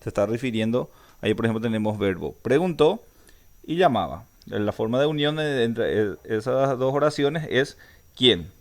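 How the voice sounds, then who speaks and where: A man's voice: mid-range voice, expressive, normal speed. Man teaching a grammar lesson. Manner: explains step by step with frequent "eh" fillers and restarts. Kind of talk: recorded online grammar lesson.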